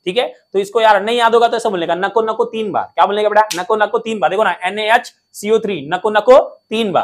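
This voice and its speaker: A man teaching a lesson in a playful, energetic way, quizzing students with call-and-response questions and cracking jokes. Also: sits high. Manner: jokey, drops rhymes and mnemonics.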